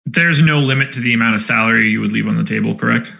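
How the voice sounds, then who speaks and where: A man co-hosting a fantasy basketball show, explaining lineup rules step by step in a relaxed chat. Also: mid-range voice, fast talker, vocal fry. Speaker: co-host of a fantasy sports show. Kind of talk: casual analytical chat.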